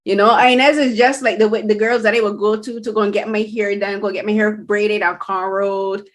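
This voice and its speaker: A woman's voice: mid-range voice, little pitch movement, fairly quick. Chatty woman interviewer from Barbados. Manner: chatty, restarts and rephrases often. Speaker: interviewer host. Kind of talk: casual interview.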